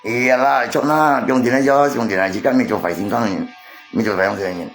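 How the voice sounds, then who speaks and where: A live streamer chats casually with viewers, repeating himself as he argues his point. His mid-range voice is fairly quick with fairly even intonation, and soft music plays behind him.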